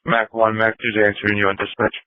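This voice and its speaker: A man's voice: on the low side, completely flat delivery, a little fast, no echo. A man working as a radio dispatcher, confirming calls over a two-way radio. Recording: tinny narrow-band dispatch radio.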